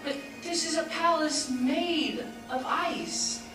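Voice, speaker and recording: A woman's voice: sits high, takes it slowly, music in the background. A young teenage girl playing an awestruck ice harvester in a school stage musical, recorded from far off in an echoey auditorium. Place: theatre stage, distant audience camera.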